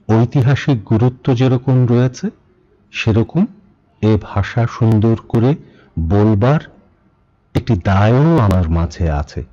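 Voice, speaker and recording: A man from Bangladesh giving a spoken lesson, measured and pausing often, asking rhetorical questions. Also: on the low side, warm tone, dull audio. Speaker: speaking teacher. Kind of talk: spoken lesson on standard pronunciation.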